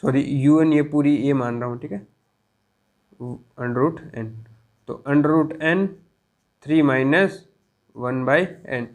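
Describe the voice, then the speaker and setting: A male teacher works through a math lecture at a very slow, deliberate pace. His voice sits slightly higher than most men's, and he keeps stopping to ask whether the class has understood. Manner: slow, drawn-out dictation with frequent check-ins.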